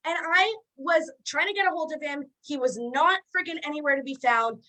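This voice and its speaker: A woman and former house guest telling a lively story on a video call. She swears freely and acts out the quotes. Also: high-pitched, brisk, poor audio. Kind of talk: casual storytelling.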